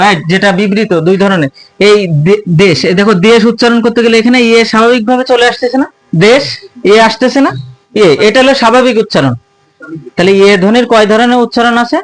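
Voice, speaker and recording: In a grammar lesson with no echo, a Bangladeshi man with a high, fairly bright voice addresses students informally. He asks questions only to answer them himself, repeating the essential terms throughout.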